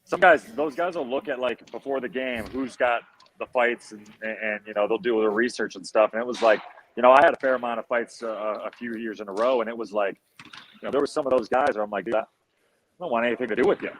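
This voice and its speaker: A man telling hockey stories in casual chat, animated and slangy, repeating himself as he goes. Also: medium pitch, fast talker, a little hiss or hum, poor audio. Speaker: former hockey player guest.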